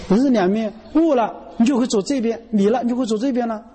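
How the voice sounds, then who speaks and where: A man's voice: very high voice, fast, dark tone, slightly rough, in a large hall. A man giving an earnest Buddhist sermon, often checking that listeners follow him. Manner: earnest, keeps asking "you know?". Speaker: Buddhist teacher.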